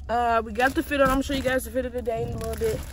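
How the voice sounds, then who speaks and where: A woman's voice: a little high, fairly even intonation, racing, slight background noise. A woman vlogging casually from her car as a clothing brand owner, slangy and chatty with her viewers, sounding a bit congested. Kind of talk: casual vlog talk to camera.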